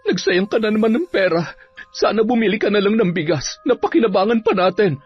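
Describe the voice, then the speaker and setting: A woman's voice: mid-range voice, lively intonation, a little fast, breathy edge. A woman voicing a tired, patient mother and long-suffering wife. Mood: pleading. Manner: tired, soothing, pleading. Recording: dull audio, soft music behind.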